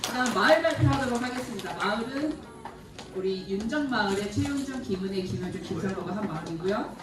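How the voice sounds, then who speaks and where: A woman reads name lists and announcements at a church youth gathering. Her delivery is brisk and matter-of-fact, at a mid pitch. She is heard through a PA mic from afar in an echoey hall, with heavy crowd noise behind her. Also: lively intonation, recorded from a distance. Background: loud crowd and noise.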